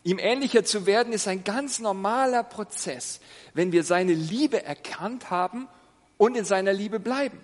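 Middle-aged guy preaching, earnest and pushy, voice kinda high, lots of hall reverb. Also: moderate pace. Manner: earnest, exhorting, asks rhetorical questions. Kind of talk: sermon.

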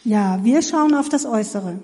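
A woman's voice: a little high, expressive, moderate pace, dark tone. A woman interpreting a sermon phrase by phrase, with small stumbles and restarts. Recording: reverberant hall.

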